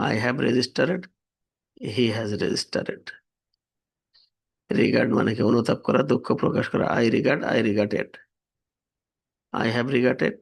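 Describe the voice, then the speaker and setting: A man's voice: medium pitch, creaky, slightly rough. A man teaching English vocabulary, steadily reading verb forms and their meanings. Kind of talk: vocabulary lesson, reading word lists with translations.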